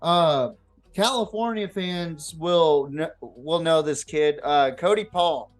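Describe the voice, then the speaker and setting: A football podcast host with a fairly high voice talks slowly and off the cuff over background music. He's blunt and profane, swearing freely and often repeating words as he goes.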